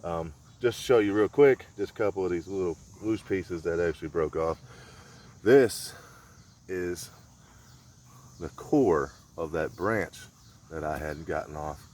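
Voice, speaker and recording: A man demonstrating survival skills outdoors in a relaxed, rambling, folksy way. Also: sits low, unhurried, long pauses. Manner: laid-back, rambling, folksy. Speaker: survival vlogger. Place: outdoors in a rural area.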